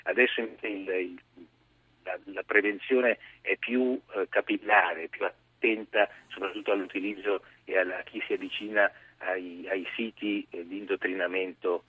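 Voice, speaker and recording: Guy on the phone, deep husky voice, tinny dry phone line, calm explaining the news. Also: no echo. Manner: measured, explanatory. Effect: heard over the phone. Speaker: magazine deputy editor, guest journalist.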